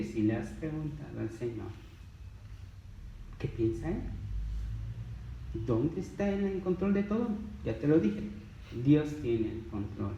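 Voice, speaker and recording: Male preacher, mellow tone, emphatic, rhetorical, roomy echo. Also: mid-range voice, vocal fry, far from the mic. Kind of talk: sermon.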